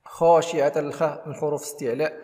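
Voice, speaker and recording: A man's voice: on the high side, a little fast, darkish tone, in a large hall. A man teaching Quran recitation rules, explaining each rule methodically step by step. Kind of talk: tajweed lesson with demonstrations.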